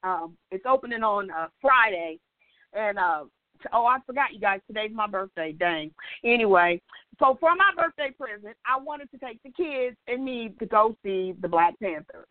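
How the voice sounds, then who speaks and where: An older woman leading an informal Bible study, a chatty, animated storyteller who acts out dialogue and keeps checking in with her listeners. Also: mid-range voice, normal speed, dry recording. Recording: tinny phone-line audio, dry.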